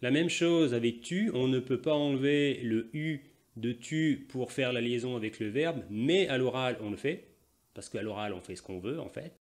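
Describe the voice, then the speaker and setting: French teacher slowly repeating examples. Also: male voice, mid-range voice, background noise. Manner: slow deliberate repetition of example phrases; switches between Portuguese and French explanations. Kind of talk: language lesson explaining grammar.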